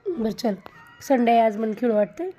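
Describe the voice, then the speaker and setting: Young mom, high bright-toned voice, playful and coaxing with little kids. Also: female voice, lively intonation, fairly quick. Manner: coaxing, playful, talks sweetly to small children. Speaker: mother playing with her children. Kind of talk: casual family chat.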